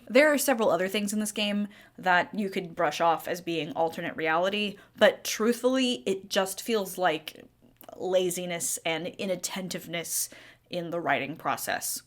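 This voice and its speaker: A woman's voice: on the low side, fairly bright tone. A woman giving scripted, opinionated video-essay commentary as a critical game reviewer.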